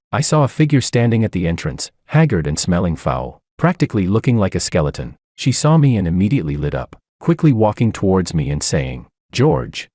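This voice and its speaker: A man narrating a romance drama story in the first person, in a dramatic, expressive way. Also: low voice, no room sound, clean studio sound.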